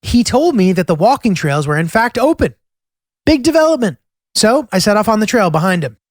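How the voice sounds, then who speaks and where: A man's voice: high voice, expressive, quick pace, dry recording, studio quality. A man hosting a travel series, telling his road trip in scripted narration with wry, self-deprecating humor.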